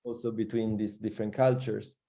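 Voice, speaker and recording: A man's voice: fairly low pitch, flat delivery, fairly quick, vocal fry, dark tone. A man hosting a livestreamed talk, asking careful, tentative questions over a video call. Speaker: host.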